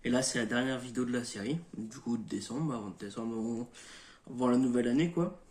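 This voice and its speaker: A YouTube channel host with a medium-pitched, darkish, husky voice explains a topic at a fast clip. His informal educational talk is partly read and full of fillers, restarts and self-corrections.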